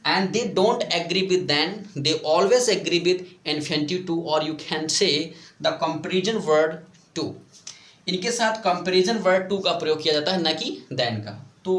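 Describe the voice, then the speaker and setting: In a reverberant space, a man with a high, fairly bright voice explains English words slowly in Hindi mixed with English, repeating them and asking his students questions.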